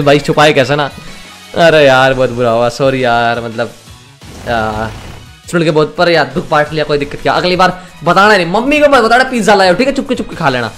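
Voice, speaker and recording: A man's voice: sits high, a bit bright. A young man giving casual, jokey commentary while playing a video game, chatting to himself and to the game's characters. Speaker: gaming YouTuber. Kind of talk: casual Let's Play commentary. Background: faint game music.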